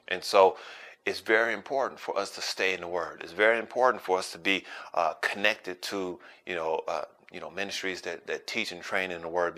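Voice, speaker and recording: A man preaching a sermon as pastor, emphatic and repeating phrases for stress, sometimes dropping to a hush. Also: on the low side.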